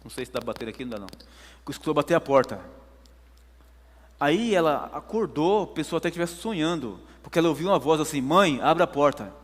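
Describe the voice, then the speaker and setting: A man's voice: a little high, lively intonation, fast talker, big-room sound. A man preaching a sermon, telling a story emphatically to his congregation. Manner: emphatic storytelling, addresses listeners as brothers.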